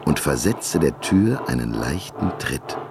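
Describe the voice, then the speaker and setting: A man narrating a children's story in an expressive, lively reading voice. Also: rumbling low, a little slow, vocal fry, heavy background noise.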